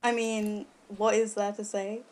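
A young woman, a podcast guest, chatting casually in a soft, hesitant way that trails off. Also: medium pitch, little pitch movement, measured pace.

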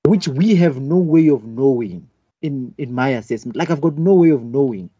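Guy, husky mellow voice, keeps stalling and restarting while he argues, kinda dull lo-fi sound. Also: mid-range voice, animated, normal speed, no echo. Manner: hesitant, searching for words, argumentative. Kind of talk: casual debate.

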